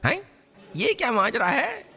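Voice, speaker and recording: A man voicing a sly young compounder who talks fast and makes up excuses in a raised, wheedling voice. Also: very high-pitched, huge pitch swings, creaky, pushed and bright, slightly rough, faint music behind, voice pushed up, heavily acted. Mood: puzzled.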